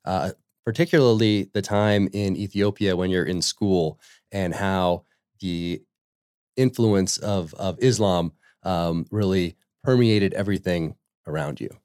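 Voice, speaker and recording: A male podcast host with a very low voice. He talks in a halting way, full of fillers and restarts, and the sound is close and dry with no room echo. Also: darkish tone, clean tone. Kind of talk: reading a book excerpt, then interviewing.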